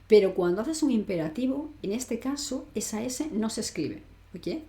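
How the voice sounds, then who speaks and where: A woman's voice: a little high, expressive, normal speed, mellow. A woman teaching French grammar online, explaining step by step and asking rhetorical questions she answers herself. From Spain. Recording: echoey room.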